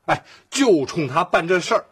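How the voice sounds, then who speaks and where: A man's voice: a little high, big pitch swings, moderate pace, very noisy. A middle-aged actor playing a jokey, placating father in a family sitcom who chuckles as he soothes his wife. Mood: joking. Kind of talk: sitcom acting.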